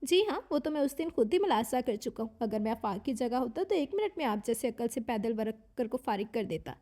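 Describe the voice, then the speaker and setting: A woman's voice: fairly high pitch, sing-song, fairly quick, dark tone. A woman narrator voicing a cool, sarcastic young man who speaks in dry, cutting remarks.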